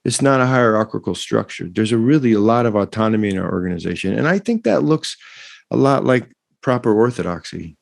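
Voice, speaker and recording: A man guesting on a podcast, talking in an animated, rambling way and often turning to address the host. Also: fairly low pitch, a little fast, vocal fry, no echo, studio quality. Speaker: guest, non-profit founder and educator. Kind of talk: casual podcast conversation.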